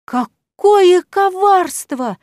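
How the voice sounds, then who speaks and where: A woman's voice: a little high, expressive, unhurried, smooth, dry recording. A fussy, pompous male cat who lectures and huffs, as a woman reader puts him on. He stays stern and self-important, and his voice climbs sharply when he feels wronged. The audiobook sound is dry and close. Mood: outraged. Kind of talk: audiobook character voice.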